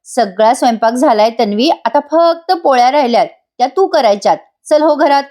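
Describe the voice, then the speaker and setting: A woman's voice: high voice, lively intonation, a little fast, dark tone. A woman reading the part of a strict old matriarch who scolds and gives orders. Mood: stern. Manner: commanding, scolding. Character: stern bossy old grandmother, matriarch.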